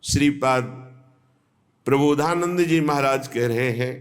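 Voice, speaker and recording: Slow, reverent male spiritual teacher. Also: mid-range voice, smooth. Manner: slow, measured, reverent delivery. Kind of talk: devotional discourse.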